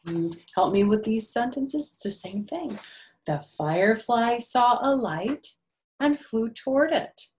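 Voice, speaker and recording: Reading a picture book to small children, an older woman keeps her wording simple and adds small questions and asides for her listeners. She speaks unhurriedly in a fairly high, darkish voice with lively intonation.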